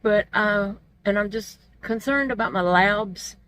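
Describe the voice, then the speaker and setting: A woman with soft, toothless, gummy articulation, feeling unwell, chatting candidly and casually to her vlog viewers. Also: mid-range voice, unhurried, rough recording. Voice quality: toothless, gummy articulation from not wearing teeth. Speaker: vlog host. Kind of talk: casual personal vlog chat.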